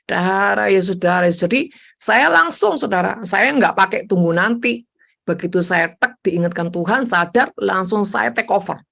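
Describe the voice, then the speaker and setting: A woman's voice: moderate pace, creaky, slightly rough. A woman evangelist giving a conversational sermon, constantly addressing listeners as brothers and sisters and acting out her own prayers. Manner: addresses listeners as "saudara" repeatedly, animated pitch swings. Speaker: evangelist preacher.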